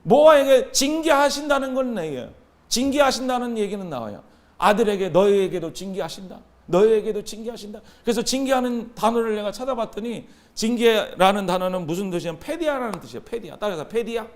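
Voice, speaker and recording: A male pastor in his thirties delivers a sermon with a high, ringing voice. He is animated and keeps calling out to the congregation for answers. His delivery swings between loud exhortation and soft asides. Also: fairly quick. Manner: animated, call-and-response with the congregation.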